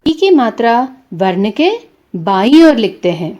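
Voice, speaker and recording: A woman teaching a Hindi lesson, reciting letters and syllables slowly one by one. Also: a little high, very animated, warm tone, dull audio. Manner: slow, measured, syllable by syllable.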